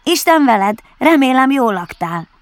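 A woman voicing a fussy, cautious male rabbit who talks in a shrill, clipped, prim way, for a storybook reading. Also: big pitch swings, no echo. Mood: prim polite.

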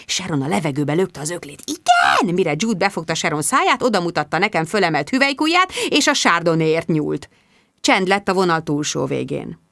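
A lively woman reading a novel. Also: lowish voice, creaky, dry recording, clean studio sound. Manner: lively, expressive storytelling. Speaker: audiobook reader. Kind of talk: first-person novel narration.

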